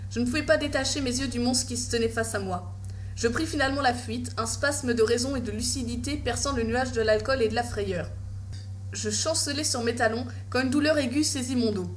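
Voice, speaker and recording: A woman's voice: on the high side, brisk, slight background noise. A woman reading a scripted first-person horror story as its narrator.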